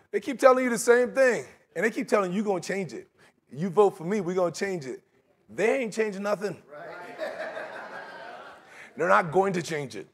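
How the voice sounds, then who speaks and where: A middle-aged man preaching a sermon in a large church sanctuary, talking in a conversational way and slipping into mocking voices for his examples. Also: sits high.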